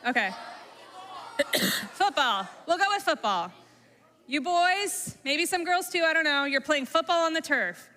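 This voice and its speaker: A woman's voice: sits high, expressive, measured pace, pauses often, pushed and bright, a faint crowd. A woman talking to a middle school class, drawing them in with questions and simple examples. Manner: engaging, asks the class questions. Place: school room or hall, long echo. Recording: reverberant hall sound.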